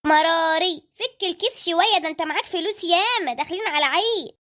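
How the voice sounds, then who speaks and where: A woman's voice: extremely high pitch, fast, pushed and bright. A woman voicing a nagging, put-upon wife and mother in an Egyptian cartoon, with an Egyptian accent and a whiny, pleading way of talking. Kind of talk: cartoon voice acting.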